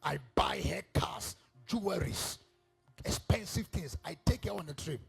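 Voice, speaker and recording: Man doing a heartbroken rich king, husky gravelly voice, lively swings. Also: fairly high pitch, unhurried, faint music behind, full character voice. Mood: pleading. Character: wealthy dying king, pleading and heartbroken.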